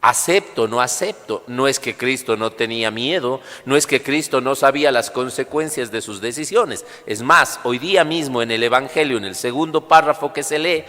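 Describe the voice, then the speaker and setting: Priest preaching in cathedral-like echo. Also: male voice, mid-range voice, pushed and bright. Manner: solemn, deliberate, didactic. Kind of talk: liturgical proclamation and homily. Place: large reverberant church during livestreamed Mass. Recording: cathedral-like echo, long church reverb.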